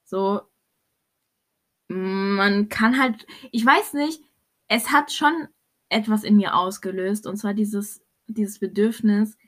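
A woman's voice: mid-range voice, takes it slowly. Slangy young woman telling stories. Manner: slangy, mixes English swearing into German, animated storytelling. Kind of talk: casual chat.

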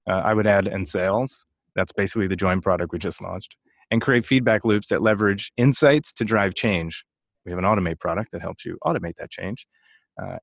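A man in his late thirties with a low voice, talking in a loose, rambling way and cracking jokes as he goes. His voice sits close and dry on the mic. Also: no echo. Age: 30s. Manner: rambling and jokey, thinking aloud. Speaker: podcast co-host. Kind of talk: casual chat.

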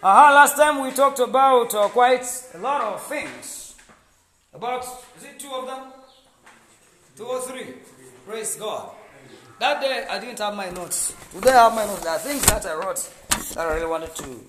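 Man preaching slow and high, bright voice, echoey room w/ some hiss. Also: expressive. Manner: emphatic, call-and-response, frequent "praise God". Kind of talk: sermon.

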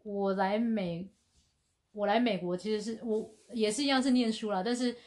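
A woman's voice: mid-range voice, steady tone, normal speed, darkish tone. A woman in her thirties from Taiwan, speaking with a Taiwanese Mandarin accent, chatting as a podcast co-host and mixing English words into her talk. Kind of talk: casual chat.

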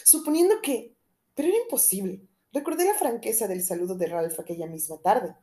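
Mellow woman narrating a novel. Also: medium pitch, animated, fairly quick. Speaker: audiobook narrator.

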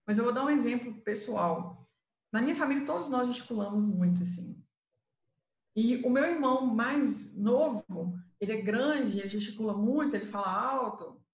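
Brazilian woman consultant, higher voice, explains patiently, roomy echo. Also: normal speed. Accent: Brazilian Portuguese. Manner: explanatory, uses filler "né". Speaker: communication consultant. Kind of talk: casual live chat.

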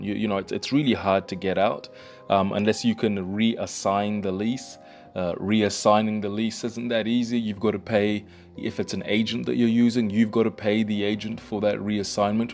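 Kiwi guy talking property, lowish voice, lots of ums and restarts, faint music under it. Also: gravelly, darkish tone. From New Zealand. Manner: loose and conversational, many fillers and restarts. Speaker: real estate broker and host. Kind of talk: casual explainer monologue.

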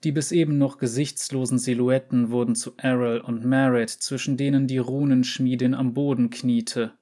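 A man narrating a short story as an audiobook, steady and even. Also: medium pitch, normal speed. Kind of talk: audiobook reading.

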